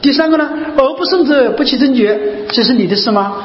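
A man's voice: very high voice, lively intonation, fairly quick. A man giving a Buddhist dharma talk, asking his listeners rhetorical questions and repeating key phrases again and again. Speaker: Buddhist teacher. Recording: muffled, echoey hall recording with faint hiss.

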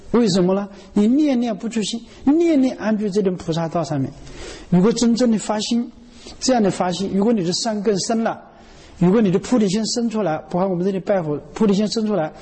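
A man's voice: sits high, dark tone, breathy edge, long reverb tail. A man giving an earnest Buddhist sermon, often checking that listeners follow him. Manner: earnest, keeps asking "you know?". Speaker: Buddhist teacher.

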